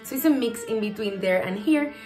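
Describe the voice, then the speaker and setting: A woman's voice: on the high side, expressive, brisk, mellow, faint music behind. A woman in her thirties with a Venezuelan Spanish accent, a native Spanish speaker, chatting casually to her phone camera as a cooking vlogger and explaining as she goes. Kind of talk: casual vlog. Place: bedroom indoors, then kitchen.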